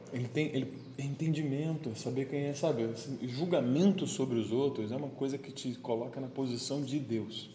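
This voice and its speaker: A man's voice: medium pitch, mellow. A man giving an informal daily homily, talking in a conversational and playful way with the people around him. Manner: conversational, playful, chatting with listeners present. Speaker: pastor. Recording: echoey room with faint ambient noise.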